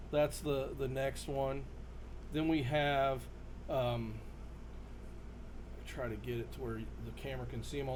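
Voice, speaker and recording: A man giving a casual, halting demonstration to camera as a performer showing a card trick. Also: medium pitch, darkish tone. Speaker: magician and performer presenting his card trick. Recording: noticeable background noise.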